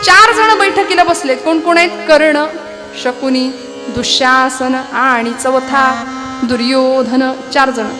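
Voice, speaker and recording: A woman's voice: high-pitched, takes it slowly. A woman performing a devotional kirtan, telling an epic story with song and chatty rhetorical questions to the audience. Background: devotional music.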